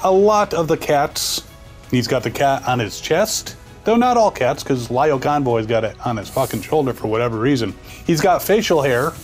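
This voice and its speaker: A man talks through an unboxing, his voice sitting a little above the usual for a man. He keeps it casual and wisecracking, slipping jokes between observations. Soft music hums faintly behind him. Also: on the high side. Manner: joking, wisecracking asides. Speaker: toy reviewer and host.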